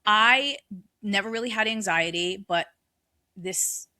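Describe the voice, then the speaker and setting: A woman's voice: medium pitch, slow pace, pushed and bright, no room sound. A middle-aged woman chatting as a podcast guest, telling stories animatedly, acting out her own thoughts and swearing freely. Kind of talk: casual chat.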